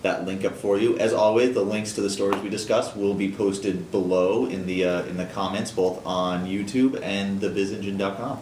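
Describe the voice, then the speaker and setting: A deep-voiced man co-hosts a small business news show, speaking loosely with frequent fillers and false starts. The room gives his voice a noticeable echo, with a faint rumble underneath. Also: fairly even intonation, darkish tone. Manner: halting, many fillers and restarts. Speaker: co-host. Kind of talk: casual news chat.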